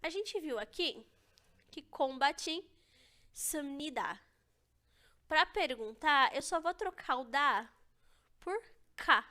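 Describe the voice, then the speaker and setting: A woman's voice: sits high, animated, slow pace, pauses often, sharp tone. A young woman teaching an online language lesson, explaining step by step and checking in with her students often. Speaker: Korean teacher.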